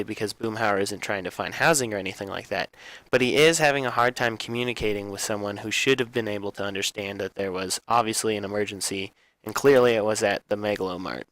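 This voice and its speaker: Young man reading a bright, dry class essay. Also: on the low side, no echo, rough recording. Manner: plain reading with small slips and fillers. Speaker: student presenter. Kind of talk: read-aloud class video essay.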